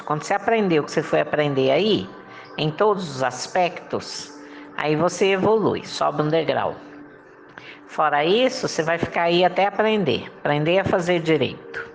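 A woman's voice: sits low, creaky. A woman giving a motivational monologue, coaxing listeners with rhetorical questions and frequent laughs. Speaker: motivational speaker.

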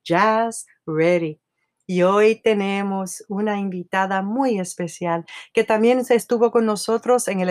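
A woman hosting a podcast with a New York Spanglish accent, chatting casually, laughing often and slipping into English. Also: mid-range voice. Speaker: podcast host.

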